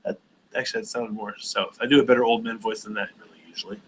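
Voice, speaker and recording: A man's voice: on the low side, flat delivery, quick pace, fairly bright tone, slightly rough, poor audio. Man, forties, live stream host, casual Q&A chat, rambling, hesitant. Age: 40s. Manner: rambling, hesitant, many ums and restarts.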